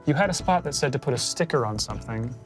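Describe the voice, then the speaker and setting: A woman's voice: a bass voice, lively intonation, fast talker. A woman co-hosting a live stream who gives patient, step-by-step tips in a casual chat. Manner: patient, explanatory, with frequent ums. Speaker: stream co-host guiding a model build. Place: studio, indoors. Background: lo-fi beats music.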